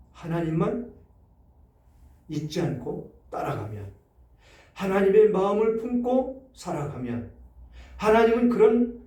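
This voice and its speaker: High-voiced preacher in an echoey church. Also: male voice. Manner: emphatic preaching with sharp swings in loudness. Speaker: pastor. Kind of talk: sermon. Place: church sanctuary. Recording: echoey church hall, mic set far off.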